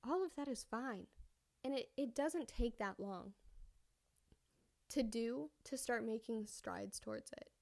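A woman's voice: on the high side, animated, unhurried, creaky, long pauses. Young woman podcasting, slightly breathless. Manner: rambling, self-correcting, conversational. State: a bit out of breath. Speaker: podcast host. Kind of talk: casual solo podcast monologue.

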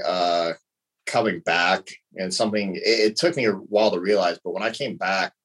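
A man's voice: lowish voice, a bit bright, husky, poor audio. A man in his thirties from the United States, a podcast guest talking casually and laughing lightly between answers. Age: 30s. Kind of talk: casual conversation.

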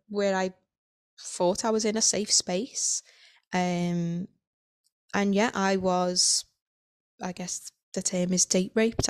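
A woman in her thirties talks through a personal podcast monologue in a candid, halting, reflective way. Her voice is smooth and resonant, with a clear, even tone. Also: medium pitch. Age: 30s. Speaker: podcast host.

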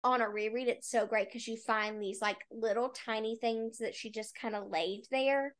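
A woman with a fairly high voice talks through her thoughts on a novel in a loose, chatty way. She sprinkles "like" through her sentences. She is co-hosting a podcast about books. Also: steady tone, moderate pace. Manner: chatty, with frequent "like" fillers. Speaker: book podcast co-host. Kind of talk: casual book discussion.

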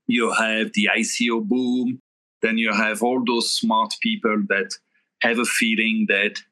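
Interview guest: middle-aged man from Belgium, lower pitch, bright tone, measured and explanatory. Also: low-quality recording. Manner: measured, explanatory, pauses mid-sentence. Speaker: guest, investment firm founder. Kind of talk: conversational interview answers.

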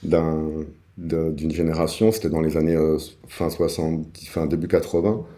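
A man in his forties from the Paris suburbs, telling his life story as an interview guest, halting often with fillers and restarts. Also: rumbling low, flat delivery, dark tone. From Paris suburbs, France. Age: 40s. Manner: hesitant, many fillers and restarts.

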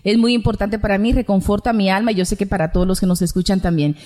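A woman's voice: medium pitch, fairly even intonation, fast talker, a little mellow. A woman from the Dominican Republic who hosts a radio interview show, asking friendly questions to draw out her guest.

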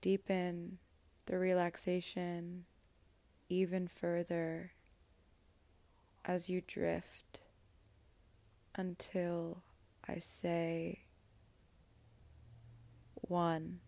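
A woman guiding a meditation in a slow, soft, soothing voice with long pauses. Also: fairly low pitch, monotone, no room sound. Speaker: meditation guide. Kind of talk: guided meditation.

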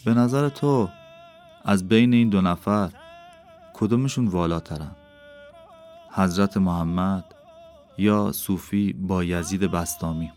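A man reading an audiobook voices a mysterious wandering dervish who asks slow, weighty questions in a quavering tone. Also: on the low side, animated, mellow, lightly acted. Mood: probing. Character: mysterious wandering male dervish, calm and probing.

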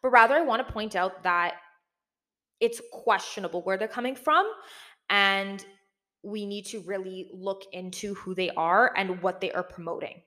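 An echoey, big-room recording of a young woman hosting a commentary video. She speaks informally at a middle pitch, as if thinking aloud, with plenty of "like" and "again". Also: normal speed, bright, forceful tone. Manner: informal, conversational, frequent "like" and "again". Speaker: video host. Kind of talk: casual video essay commentary. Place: big indoor room with little furniture.

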